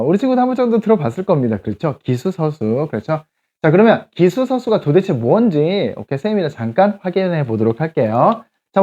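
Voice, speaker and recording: Brief: patient man teaching children, animated pitch, muffled lo-fi sound. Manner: patient, explains slowly, checks in often with the kids. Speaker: children's church English teacher. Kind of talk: explaining Bible verses to children.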